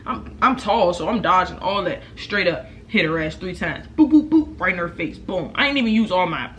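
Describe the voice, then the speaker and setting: A young woman vlogger telling a story casually while eating, animated and profane, acting out what each person said. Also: lowish voice, fairly quick, a little hiss or hum. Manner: animated, profane, acts out quotes.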